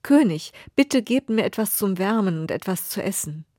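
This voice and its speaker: A woman's voice: medium pitch, lively intonation, moderate pace, darkish tone, dry recording, studio quality, close to an everyday voice. A woman voicing a poor beggar calling out and pleading for help.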